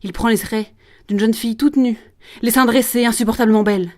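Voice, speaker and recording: A woman voicing a mocking, scheming male prosecutor priest who sneers and shouts, in a read-aloud play. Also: mid-range voice, steady tone, moderate pace, close to an everyday voice. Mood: sneering. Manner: sneering, loud and forceful.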